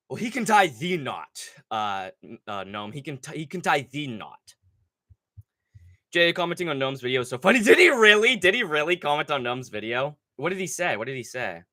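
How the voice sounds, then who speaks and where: With a slightly high voice at normal speed, this young man is heard in a dry, clean studio recording. He hosts an easygoing livestream while stuffed up from a cold, rambling, cursing and getting excited over fight picks.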